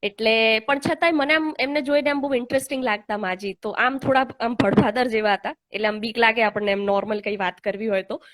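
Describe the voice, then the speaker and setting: A woman's voice: on the high side, steady tone, fairly quick, hardly any pauses, a bit bright. A young adult woman hosting a casual online live chat, telling a personal story in an earnest, heartfelt way with many hesitant fillers. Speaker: host. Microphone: online live call.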